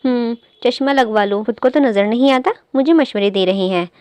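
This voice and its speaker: A woman reading the part of a sharp-tongued young woman who scolds and grumbles. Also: on the high side, moderate pace, clear, resonant tone, no echo, close to an everyday voice. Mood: irritated.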